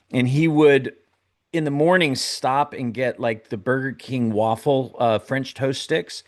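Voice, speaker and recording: A man co-hosting a casual car talk show, telling a funny anecdote with laughs. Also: medium pitch. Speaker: co-host. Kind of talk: casual chat.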